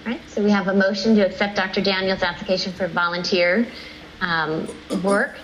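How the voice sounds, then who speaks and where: A woman chairing a board meeting, brisk and procedural as she calls votes. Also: medium pitch, steady tone, a bit bright, a little hiss or hum, rough recording. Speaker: board president.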